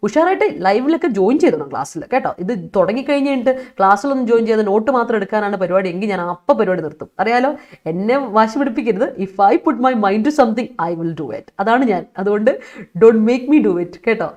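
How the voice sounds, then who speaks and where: In a live online vocabulary lesson, an English teacher from Kerala mixes English words into her explanations, reads her students' chat messages aloud, and laughs a lot while responding. She's on the high side, with lively intonation and a fast delivery, and her tone is a little mellow.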